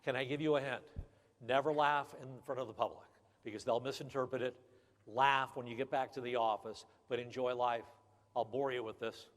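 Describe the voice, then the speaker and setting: A man's voice: mid-range voice, steady tone, fairly quick. An older man giving a humorous graduation speech, folksy and emphatic, often repeating key phrases. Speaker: graduation speaker. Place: large ceremony hall. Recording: long hall reverb.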